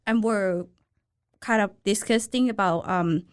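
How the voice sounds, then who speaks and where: A woman from Thailand talks in a Thai accent, a restaurant owner chatting through an interview. Her English is halting and simple, with broken grammar, and her voice sits at a middle pitch. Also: smooth. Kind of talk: casual interview.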